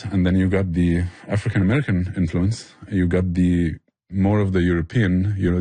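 A man's voice: low-pitched, mellow, husky, dry recording. A man explaining things with passion in a conversational interview. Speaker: barbecue restaurant owner and chef, interview guest.

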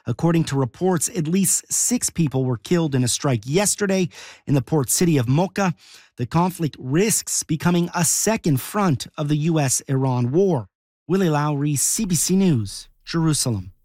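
A man's voice: on the high side, darkish tone, dry recording. A man reports the news as a correspondent, reading from a script. The sound is very dry and close, with no room around the voice.

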